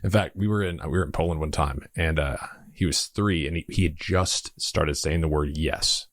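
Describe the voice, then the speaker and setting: Male podcast guest with a low, deep voice and a dry sound, animated and quick to laugh. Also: dry recording. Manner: animated storyteller, laughs often. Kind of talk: casual podcast conversation.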